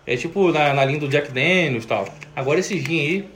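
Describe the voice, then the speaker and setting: A Brazilian man chatting casually as a guest on a podcast, loud and swearing, often breaking into laughter. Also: a little high, brisk, slight background noise. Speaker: podcast guest, barbecue cook.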